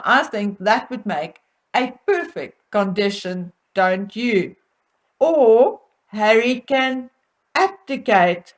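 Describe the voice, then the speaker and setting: A woman hosting gossip commentary in a catty, mocking manner, with arch asides and rhetorical questions put to listeners. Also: fairly high pitch. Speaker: host of a royal gossip commentary.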